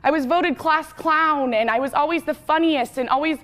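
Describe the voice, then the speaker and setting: A young woman from Wyoming giving a personal testimony speech, talking fast and chatty. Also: high-pitched, fairly bright tone. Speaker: speaker.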